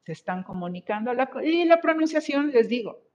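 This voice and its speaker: A woman teaching an online language class, switching between two languages, repeating her students' sentences slowly and encouraging them. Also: high-pitched, animated, darkish tone, muffled recording. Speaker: English teacher. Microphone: video call.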